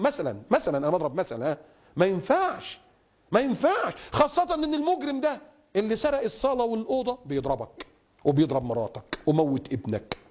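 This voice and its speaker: A man with an Egyptian Arabic accent delivers a fiery sermon, his somewhat high voice leaping up and down with great animation. He speaks quickly and rhetorically, firing questions and repeating words for emphasis. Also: a little mellow. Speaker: preacher. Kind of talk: impassioned sermon.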